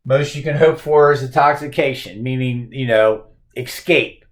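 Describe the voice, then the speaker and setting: A man's voice: medium pitch, moderate pace. A male teacher lecturing on a poem, posing emphatic rhetorical questions.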